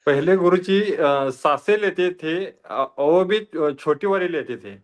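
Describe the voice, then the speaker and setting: A man with a high voice gives a casual testimony to his teacher. He speaks haltingly, with many pauses and fillers. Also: animated. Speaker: student sharing experience.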